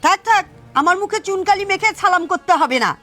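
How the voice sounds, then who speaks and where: A woman playing a shrill, furious proud mother. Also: quick pace, sharp tone, faint music behind. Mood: scornful. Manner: shrill, insulting, domineering. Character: proud, furious middle-aged mother scolding her daughter.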